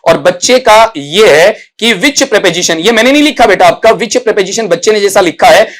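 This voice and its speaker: A man's voice: sits high, animated, fairly bright tone. A male English teacher giving an exam prep lesson, calling students "beta" and checking "theek hai?" after each point. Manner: explains pronunciation slowly, syllable by syllable.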